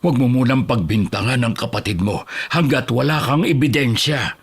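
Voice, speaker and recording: An actor playing a stern middle-aged father who calmly counsels his son, in a horror radio drama. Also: medium pitch, moderate pace, husky. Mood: grave. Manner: calm, counseling.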